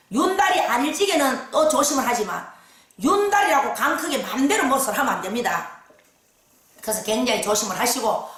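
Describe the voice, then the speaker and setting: Woman fortune teller, Gyeongsang accent, high voice, lively storytelling, very echoey room. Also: distant mic. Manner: lively dialect storytelling, frequent fillers. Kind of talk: storytelling case account.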